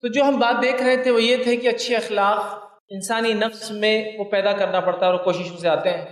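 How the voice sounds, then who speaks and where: A man's voice: sits high, steady tone. A man giving a religious lecture to his listeners. He repeats his points for emphasis and speaks to them directly. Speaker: preacher. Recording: echoey hall, mic at a distance.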